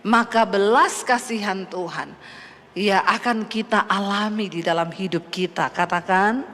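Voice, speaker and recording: A woman pastor with a high voice delivers a sermon that rings through a reverberant hall. She calls out for amens and lightens her points with playful asides. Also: fairly bright tone. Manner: preaching with call-and-response and playful asides.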